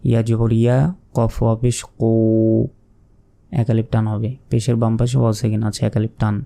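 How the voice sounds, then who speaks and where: A man's voice: medium pitch, completely flat delivery, brisk, mellow. A man teaching Quran reading, spelling each word letter by letter with its vowel marks and explaining the rules step by step in a patient, explanatory way. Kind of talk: step-by-step spelling lesson with slow recitation.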